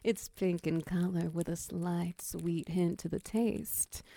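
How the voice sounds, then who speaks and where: Low gravelly oni, girl voicing it, slow teasing half-whisper, close mic. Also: steady tone, warm tone, no room sound, exaggerated voice. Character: dominant teasing oni lover. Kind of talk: intimate ASMR roleplay.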